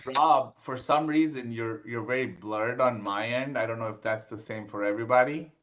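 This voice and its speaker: Bright-voiced man running a video call. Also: medium pitch, a little hiss or hum. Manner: helpful, slightly halting with restarts. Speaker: event organizer. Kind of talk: casual video-call chat. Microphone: computer mic on a video call.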